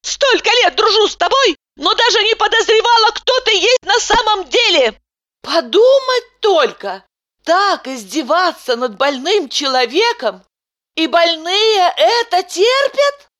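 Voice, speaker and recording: A woman voicing an excitable, indignant young woman who yells in outrage. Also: a little slow, no echo, clean studio sound, exaggerated voice. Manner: shrill, yelling.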